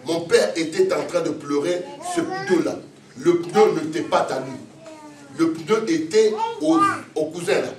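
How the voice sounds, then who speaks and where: High-voiced pastor, echoey room. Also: male voice, a little slow, distant mic, a crowd in the background. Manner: emotional storytelling with repeated phrases. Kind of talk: testimony sermon.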